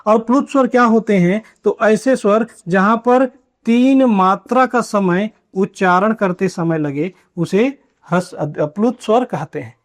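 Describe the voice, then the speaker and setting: A man teaching a grammar lesson at a board, asking questions and answering them himself, and drawing out key terms slowly. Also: sits high. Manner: asks and answers his own questions. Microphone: writing on a board while teaching.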